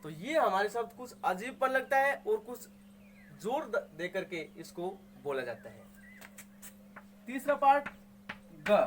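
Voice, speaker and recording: A man's voice: high-pitched, sing-song, unhurried, long pauses, fairly bright tone, a little hiss or hum. A man teaching Hindi grammar, sounding out each word and repeating it patiently, asking and answering his own questions. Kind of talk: explaining Hindi grammar to students.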